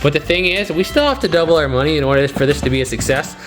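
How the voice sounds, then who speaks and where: A man's voice: fairly high pitch, quick pace, faint music behind. An American man narrating a reselling vlog in a casual, enthusiastic, colloquial way, like someone hyping a good deal.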